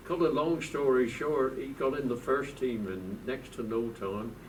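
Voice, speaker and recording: A man's voice: mid-range voice, unhurried. A man in his nineties, a former football club secretary, telling anecdotes to an audience in a chatty way and acting out the people he quotes. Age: 90s. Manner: chatty, acts out quoted people in lively voices. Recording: distant mic with faint background noise.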